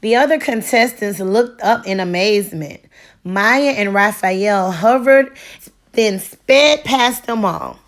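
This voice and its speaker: Like a teacher sharing a story with a class, a woman reads a children's picture book aloud in a deliberate, expressive style. Her voice is mid-range.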